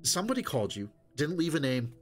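A man voicing a brisk, bossy young wife who scolds her husband. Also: on the high side, sing-song, soft background music, pitched above the performer's own voice. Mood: scolding. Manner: sharp, scolding, exasperated.

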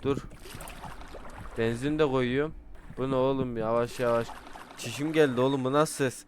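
A young man chatting casually with friends while playing a multiplayer game, joking loudly, swearing and repeating words in quick bursts. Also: medium pitch, fairly even intonation, slight background noise. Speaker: gamer.

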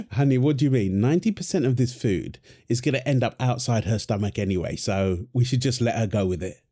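In a sing-song, brisk, warm and husky mid-range voice, a voice actor plays a dad feeding his baby daughter. The wholesome roleplay is full of playful teasing, affection, and frequent laughter.

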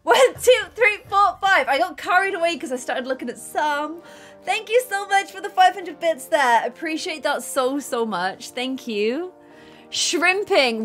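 A young woman chatting excitedly while live-streaming a game, laughing often. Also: sits high.

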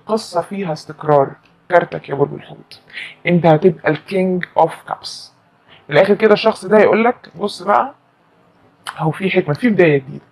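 Egyptian woman tarot reader, husky voice, emphatic rapid patter. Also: on the low side, a little mellow. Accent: Egyptian Arabic. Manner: chatty, emphatic, repeats phrases. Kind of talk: casual tarot reading to camera.

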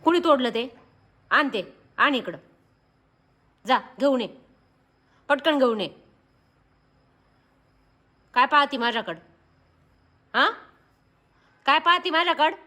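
A woman vlogger at home, scolding and asking the same sharp question again and again. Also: sits high, lively intonation, slow pace, long pauses. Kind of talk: casual home video.

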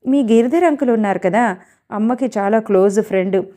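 Woman reading a young woman, earnest and wistful, mellow low-toned voice, audio storybook. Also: brisk, close to an everyday voice. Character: young woman, grieving an absent father.

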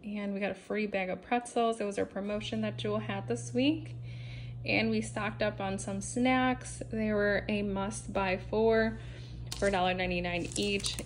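A woman's voice: medium pitch, a bit bright, slight background noise. A young woman casually talking through her week's groceries at home in a chatty, list-like way, with frequent ums and restarts. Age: young adult. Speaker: vlogger. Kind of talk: casual grocery haul narration. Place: home kitchen, indoors.

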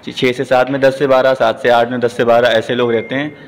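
A middle-aged man who owns a gym, answering a news reporter's questions in a plain, steady way and often saying "ji". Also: medium pitch, fairly quick. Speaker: gym owner and trainer. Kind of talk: news interview. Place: large indoor gym. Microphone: handheld news mic. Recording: long hall reverb, faint noise.

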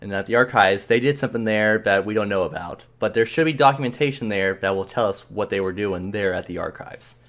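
A man playing through a narrative game, reading its narration and musing aloud about what to do next in a relaxed, casual way. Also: on the low side, brisk, hardly any pauses. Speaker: let's play host. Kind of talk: casual gameplay commentary and reading.

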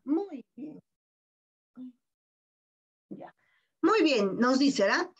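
High, lively Peruvian woman teacher. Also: drawn-out words, highs cut off. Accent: Peruvian Spanish. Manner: warm-toned, explanatory, keeps asking "¿verdad?". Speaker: primary school teacher. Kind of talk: reading comprehension lesson for children.

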